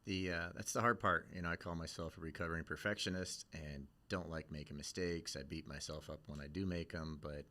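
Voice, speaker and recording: A man's voice: very deep voice, fairly even intonation, a little fast, few pauses, pushed and bright. A man from Iowa hosting a casual live-stream interview, jokey and self-deprecating. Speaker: interviewer and host.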